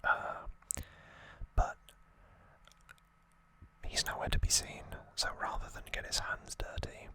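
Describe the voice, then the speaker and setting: An ASMR creator and host whispers softly the whole way through, recapping things in a relaxed, casual, explanatory manner. The voice is a gentle, unvoiced whisper.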